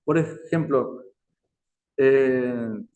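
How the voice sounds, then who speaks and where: A man's voice: mid-range voice, warm tone, dull audio. A man teaching a language class online, patient and repetitive, constantly checking in with his listeners. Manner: slow, patient, repeats words and asks "¿no es cierto?".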